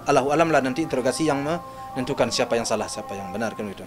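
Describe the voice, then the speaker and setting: A man's voice: medium pitch, expressive, racing, over music. A man giving an upset interview statement, retelling phone calls in an agitated way. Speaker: interviewee, father of the victim's husband.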